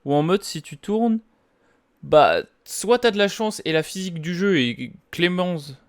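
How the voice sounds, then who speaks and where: A man's voice: high voice, lively intonation, measured pace. A young man giving casual, slangy, sweary, grumbling commentary while playing a video game. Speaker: gaming video host. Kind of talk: casual let's play commentary. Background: game music.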